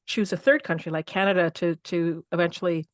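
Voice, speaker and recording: A woman's voice: on the low side, fairly even intonation, brisk, dry recording, studio quality. A woman hosting a podcast, asking questions with curiosity and frequent restarts. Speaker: podcast host. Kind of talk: interviewing.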